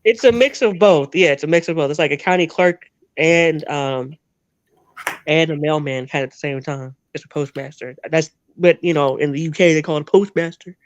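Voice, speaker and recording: Chatting casually and laughing often, a New Jersey interview guest with a mixed Northern-Southern American accent wanders through stories. The voice is mid-range at normal speed, and the recording is dry and dull.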